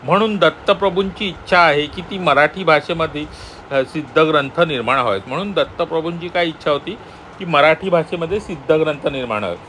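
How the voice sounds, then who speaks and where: A man comments on a sacred text in a patient, explanatory way. He reads a passage, then repeats and rephrases it. His voice sits a little high, and faint street traffic hums behind him. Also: brisk, bright, forceful tone. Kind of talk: devotional scripture commentary.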